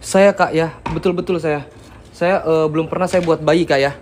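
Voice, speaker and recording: A man's voice: a little high, fairly even intonation, normal speed. Jumpy man exploring a building at night. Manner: jumpy, mutters prayers, slangy. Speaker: ghost-hunting vlogger. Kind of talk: casual ghost-hunting vlog. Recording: faint background noise.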